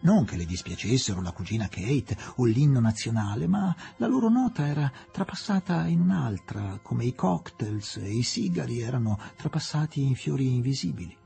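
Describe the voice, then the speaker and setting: A man narrating a literary novel as an audiobook, reading in a measured, expressive way. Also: medium pitch, gravelly, husky, faint music behind.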